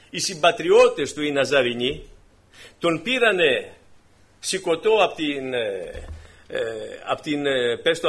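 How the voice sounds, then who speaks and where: A man preaching a sermon to his congregation, swinging from quiet explanation to emphatic, raised exhortation. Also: a little high. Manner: preaching with emphatic rises and drops, addressing brothers.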